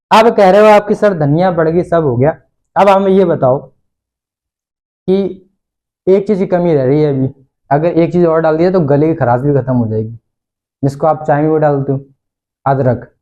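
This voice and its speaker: A man's voice: on the high side, lo-fi sound. A male teacher giving an online lesson in a playful way, repeating each question and answer and laughing often.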